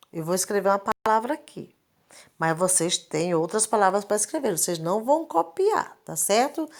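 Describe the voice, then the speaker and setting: Woman teacher, unhurried screen-recorded lesson, repeats each point patiently, mid-pitched voice. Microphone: screen recording, device mic.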